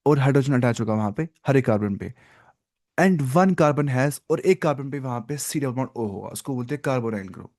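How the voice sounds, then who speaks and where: A man teaching biology in an online lecture, mixing Hindi and English, slowly explaining and asking questions he answers himself. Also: mid-range voice, a little mellow. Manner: asks the class questions and answers them himself, repeats "ठीक है"; slow, stop-start explaining with fillers.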